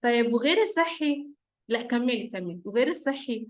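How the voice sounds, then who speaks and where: A woman's voice: fairly high pitch, lively intonation, brisk. A woman with an Egyptian Arabic accent teaching an online class, talking to small children in simple questions, repeats and coaxing praise. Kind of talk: interactive lesson for small children. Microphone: computer or phone on a video call.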